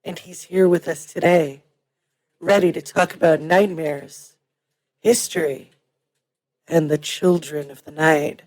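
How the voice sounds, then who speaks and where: A woman's voice: deep voice, fairly even intonation, takes it slowly, pauses often, darkish tone, poor audio. A woman hosting an interview show, reading a cheery introduction and asking chatty questions. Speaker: host. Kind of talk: podcast interview.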